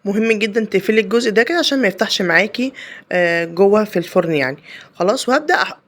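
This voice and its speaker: Racing through her voice-over, an Egyptian Arabic-accented woman walks viewers through a home cooking video in a chatty way, full of fillers and false starts. Her mid-range voice is a bit bright, with lively intonation.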